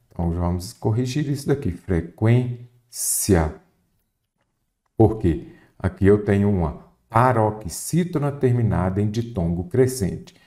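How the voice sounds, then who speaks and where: A man with a Brazilian accent teaching a Portuguese spelling lesson for exam prep, lively and full of rhetorical questions he answers himself. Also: fairly low pitch. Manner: addresses the student directly.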